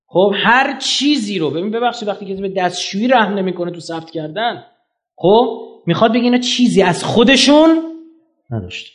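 A man giving a lecture to an audience, emphatic, firing off rhetorical questions and swinging his pitch up and down. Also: animated.

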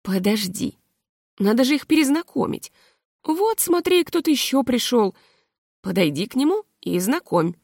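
A woman's voice: fairly high pitch, big pitch swings, normal speed, vocal fry, darkish tone, no room sound, studio quality, pitched above the performer's own voice, full character voice. Woman doing a bustling, self-important young man. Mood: busy.

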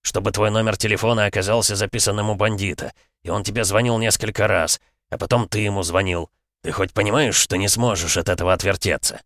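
A man voicing a cynical middle-aged police chief who scolds sternly and coaxes with false gentleness. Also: on the low side, fairly even intonation, fast, dry recording, clean studio sound. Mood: scolding.

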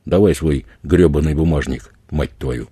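A man voicing a rough, crude male street robber who swears and bullies, in a husky raised voice. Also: very deep voice, normal speed, dry recording, clean studio sound. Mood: aggressive, yelling. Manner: loud, swearing, bullying.

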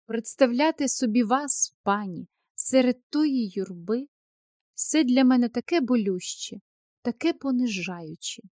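Smooth-talking male doctor, persuasive and earnest, read by a woman narrator in a dry booth. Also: on the high side, expressive, a little slow, dark tone, dry recording. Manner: earnest, coaxing, then defensive. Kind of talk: audiobook character reading.

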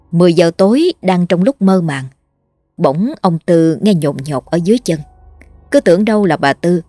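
A woman narrating a horror story in a measured, dramatic way. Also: fairly low pitch, darkish tone, no echo. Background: faint music.

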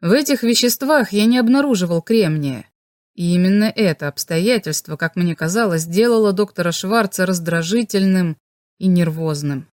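A woman narrating an audiobook in a measured, even storytelling manner on a close mic. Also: fairly low pitch, dry recording.

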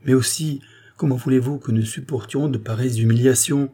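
A man's voice: medium pitch, fairly even intonation, a little fast, warm tone, close to an everyday voice. A man voicing a proud, doubting queen in a French audiobook reading, haughty and incredulous. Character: proud doubting queen, woman, middle-aged.

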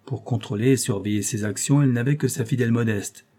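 A male narrator reading a classic novel aloud, measured and dramatic in delivery. His voice is dark and mellow with a husky grain. The pitch sits in an ordinary middle range. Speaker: audiobook narrator. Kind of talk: scripted narration.

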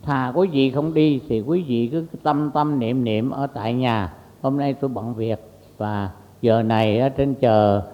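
A male monk gives a rambling, story-filled dharma talk, pausing on fillers and slipping into the voices of the people he describes. His voice sits at an ordinary pitch, and the recording is dull and lo-fi, carried on a long hall reverb. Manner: conversational, many fillers, acts out quoted voices. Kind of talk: sermon with storytelling.

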